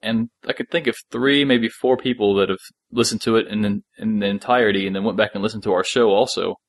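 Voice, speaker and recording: Quick and steady, with a lowish voice, a man co-hosts a podcast in relaxed chat. He discusses an audio drama in an informal, rambling and joking manner.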